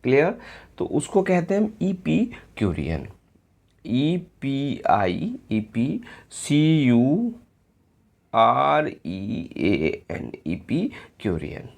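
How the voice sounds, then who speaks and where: An Indian man leads an exam-prep English lesson at an unhurried pace, spelling each word out one letter at a time. His voice has a gravelly edge, and his pitch rises and falls with lively emphasis. He keeps checking in with his students to make sure they are following. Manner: slow and patient, often checks in with "clear friends?". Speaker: English teacher.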